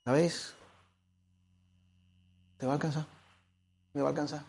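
A pastor preaching a sermon, repeating key phrases and swinging between hushed and loud passages. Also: male voice, fairly high pitch, little pitch movement, moderate pace, creaky, husky. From Spain. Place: church.

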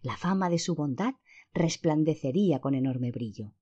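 Warm expressive woman narrating a storybook. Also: low voice, moderate pace, slightly rough. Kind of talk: audiobook narration. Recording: dull lo-fi.

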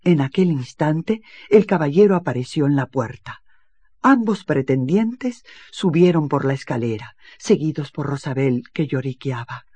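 A storyteller giving an expressive reading of a children's fairy tale. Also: medium pitch, measured pace, husky, no echo. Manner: expressive, lively. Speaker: narrator. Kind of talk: storybook narration.

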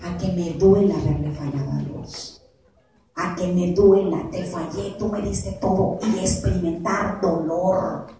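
A woman with a Mexican accent, a lay preacher giving an animated, joking retreat talk and telling stories straight to her audience. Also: on the low side, unhurried, a little hiss or hum. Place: large hall at a church center. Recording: echoey hall from far off.

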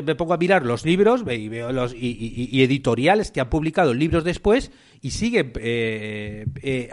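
Rambling podcast host, full of ¿no?. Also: male voice, mid-range voice. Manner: rambling, repeats words and fills with eh and ¿no?. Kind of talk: casual solo podcast talk.

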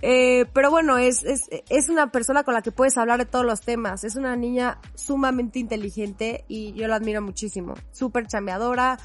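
A woman's voice: on the high side, fairly even intonation, normal speed, few pauses, soft background music. A young woman, co-hosting a podcast in an effusive, chatty way and laughing often. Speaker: podcast co-host. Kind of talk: casual chat.

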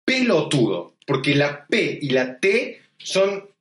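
A man's voice: on the high side, animated, slow, fairly bright tone. A young man with an Argentine accent, hosting a casual podcast chat, laughing often and explaining things with emphatic examples. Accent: Argentine Spanish. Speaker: podcast host. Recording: echoey room.

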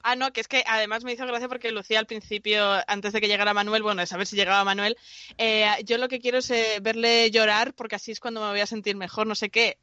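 A woman in casual chat on a podcast, talking quickly and acting out quotes as she goes. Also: on the high side, no room sound, highs cut off. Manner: fast, animated, acts out quotes.

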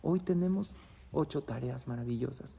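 A man's voice: mid-range voice, normal speed, vocal fry, warm tone, husky. A man, a rabbi giving a religious class and telling stories dramatically, with Hebrew terms mixed in. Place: synagogue hall. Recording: long hall reverb.

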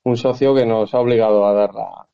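A man from Castile and León, a political candidate, speaking in a phone interview heard over a telephone line, measured and leaning on fillers and restarts. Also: lowish voice, fairly even intonation, vocal fry, smooth. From Castile and León, Spain.

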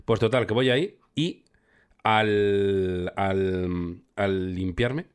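Lively young podcaster. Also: male voice, lowish voice, extremely slow, smooth. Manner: animated storyteller, acts out voices. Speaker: podcast co-host. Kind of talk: casual chat.

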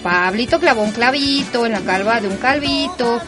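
A woman's voice: a little high, normal speed, music in the background, lightly acted. A woman playing a chirpy, determinedly positive radio presenter in a comic audio drama, over-cheerful and careful with her diction. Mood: earnest practising.

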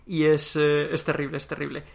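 A man gives a lively, sarcastic, casual review of a TV series. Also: a little high, a little fast, vocal fry. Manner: lively, sarcastic, chatty with fillers.

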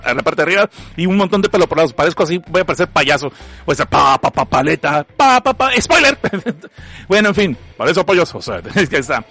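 A man's voice: high-pitched, a bit bright, breathy edge. A man from Mexicali with a northern Mexican accent, hosting a livestream and reading out chat messages in a joking, slangy way that is full of laughs. He has a cough. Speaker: livestream host.

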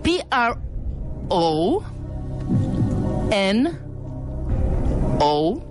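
A woman's voice: mid-range voice, very animated, very slow, over music. A Mexican woman in casual chat, joking around and stumbling as she spells words aloud letter by letter.

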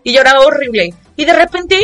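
A young woman with a Mexican Spanish accent, telling a casual vlog story in an expressive, dramatic way and mocking the people she quotes. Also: high-pitched, fairly quick, soft background music. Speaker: vlogger.

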